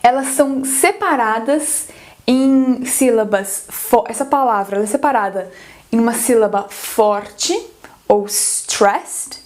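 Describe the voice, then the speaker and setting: A woman's voice: a little high, darkish tone. A woman teaching English pronunciation in an online lesson, explaining step by step and checking in with a frequent "ok?". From Brazil.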